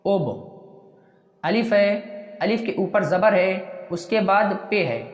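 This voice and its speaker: A teacher giving a slow reading lesson who asks what a letter combination says, then answers and repeats the answer. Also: mid-range voice. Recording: dull echoey recording with long reverb.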